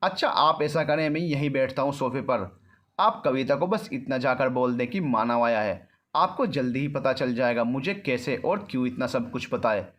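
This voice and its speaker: A man's voice: medium pitch, animated, moderate pace, a bit bright. A man voicing an arrogant, controlling young man in a storybook reading, rude and mocking. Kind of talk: storybook narration.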